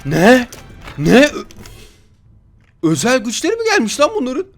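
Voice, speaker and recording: A man's voice: extremely high pitch, huge pitch swings, unhurried, soft background music. A sleep-deprived man giving casual, playful gameplay commentary as a gaming YouTuber, joking with his viewers.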